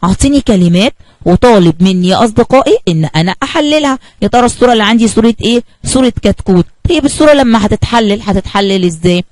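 A woman's voice: mid-range voice, expressive, racing, a little mellow, dry recording, low-quality recording. A woman with an Egyptian Arabic accent teaching a kindergarten spelling lesson, asking the children questions and answering them herself.

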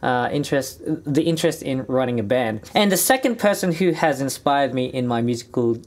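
Speaking a little fast with lively intonation, this mid-range male voice belongs to a young Sydney-accented musician and vlogger. He keeps things chatty and upbeat, gesturing freely as he addresses the camera from his small indoor music studio.

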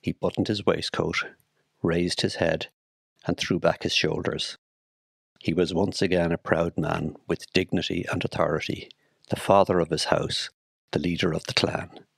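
An Irish man reads his own memories slowly and solemnly, weighing each phrase. His voice is very low and gravelly. The recording is dry and close, with no room sound. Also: level tone, no echo. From Ireland. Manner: measured, solemn, deliberate. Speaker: storyteller recalling his work at the city morgue. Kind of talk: read memoir narration.

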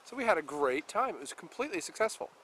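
A father in his forties films his family at a small snowy ski hill, his high, sing-song voice coming fast as he chats upbeat and coaches a child along. It's casual home video commentary captured on a handheld camcorder held at arm's length, with noisy outdoor audio.

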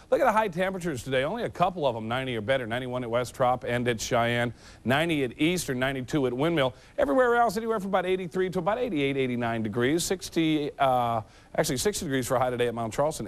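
Fast-talking upbeat TV weatherman. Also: medium pitch. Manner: upbeat, rapid, loose ad-libbing. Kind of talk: weather forecast and anchor banter. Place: TV news studio.

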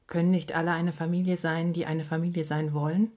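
Low-voiced woman reading a children's story. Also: level tone, brisk, a little mellow. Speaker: narrator.

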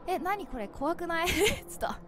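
A young woman giving animated, jumpy commentary as she plays a horror game, calling herself by name. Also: very high voice, fairly quick. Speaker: game streamer.

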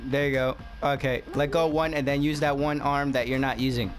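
A young man chatting excitedly with a friend while gaming, a hyped gamer bro full of slang and swearing. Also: mid-range voice, a little fast, faint music behind.

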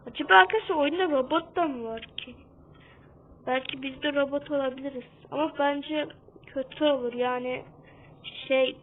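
A young-sounding woman giving casual gameplay commentary for her channel, half-shouting and keeping up a running chat with her viewers. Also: high-pitched, a little hiss or hum. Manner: talks a bit loudly on purpose, keeps calling out to viewers. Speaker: gaming channel host. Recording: tinny phone-like sound.

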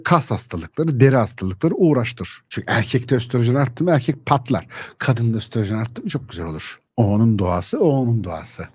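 A man's voice: mid-range voice, a little mellow, husky, dry recording. A man giving a heated spoken monologue, combative and scornful, firing rhetorical questions and blunt slang straight at his listeners. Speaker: lecturer on social issues.

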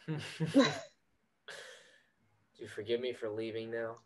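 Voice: medium pitch, flat delivery, takes it slowly, darkish tone, lightly acted, rough recording. A performer reading the part of a young male band singer who jokes and teases, at a script read-through. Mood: sheepish. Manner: teasing, wisecracking.

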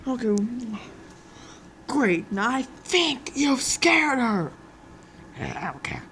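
A woman performing an improvised toy skit, voicing every character herself and jumping between squeaky high voices and low mutters. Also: very animated, very slow, fairly bright tone, slight background noise.

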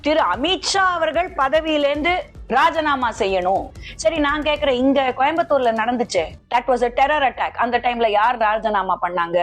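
A woman's voice: sits high, moderate pace, fairly bright tone, soft background music. A woman making an emphatic political statement, mixing in English phrases. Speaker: political speaker. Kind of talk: press statement.

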